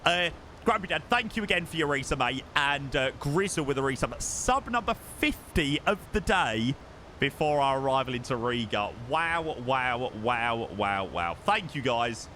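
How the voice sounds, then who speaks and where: British male flight-sim streamer: bright, forward voice, chatty and matey, faint vehicle noise behind. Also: medium pitch, very animated, moderate pace. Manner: matey, chatty, repeats words and phrases. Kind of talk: casual livestream chat and flying commentary.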